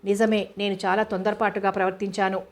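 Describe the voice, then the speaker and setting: A woman's voice: mid-range voice, little pitch movement, fairly quick, lightly acted. A woman voicing a remorseful young man who apologizes and pleads with his elder sister, read in an audiobook. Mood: pleading. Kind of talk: audiobook character reading.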